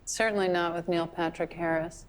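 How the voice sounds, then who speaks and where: Woman with a lowish voice, joining in the chat. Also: fairly even intonation, normal speed, slight background noise. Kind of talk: casual group conversation.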